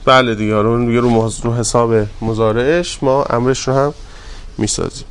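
A man teaching a grammar class, drawing out word forms slowly and asking his students questions. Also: medium pitch, fairly even intonation, slight background noise. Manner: drawn-out repetition of word forms, quizzing students; polite and deferential to the class leader.

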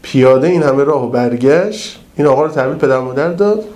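A man preaching to pilgrims, telling a story in a lively, colloquial way. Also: mid-range voice, echoey room. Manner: colloquial, lively retelling of an anecdote. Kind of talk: storytelling sermon in casual speech.

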